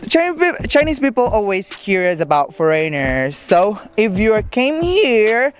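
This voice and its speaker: A man's voice: sits high, very animated, a little slow. Chatty young man with an Indonesian accent. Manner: chatty and upbeat, hesitant with many fillers. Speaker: international student interviewee. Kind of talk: casual street interview. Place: outdoors in a forest park.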